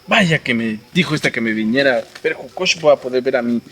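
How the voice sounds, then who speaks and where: A man's voice: mid-range voice, expressive, a little fast, fairly bright tone. A man playing a boyfriend in a comedy sketch, talking in a casual, affectionate way.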